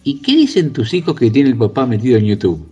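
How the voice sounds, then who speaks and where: A man's voice: mid-range voice, sing-song, a little fast, dark tone, breathy edge. A male radio interviewer asking curious questions with short affirming replies. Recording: dull lo-fi sound with faint music.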